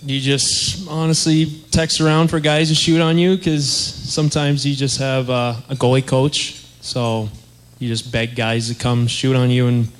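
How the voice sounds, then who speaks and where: A man's voice: medium pitch, level tone, unhurried, a little hiss or hum. A young man from Minnesota, a college hockey goalie, answering questions in a laid-back, joking way. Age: young adult. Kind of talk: casual interview answers.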